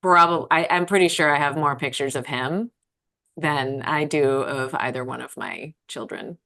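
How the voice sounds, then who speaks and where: A woman co-hosting a podcast with a slightly low voice. She chats loosely and throws in joking asides before bringing on the guest. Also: moderate pace, vocal fry, pushed and bright. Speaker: podcast co-host. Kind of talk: casual podcast chat.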